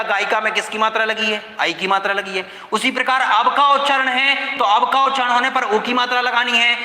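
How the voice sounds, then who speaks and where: A man's voice: sits high, pushed and bright. A man teaching a recorded grammar lesson, repeating points and quizzing his students with questions. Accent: Hindi-speaking India. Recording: echoey room with long reverb.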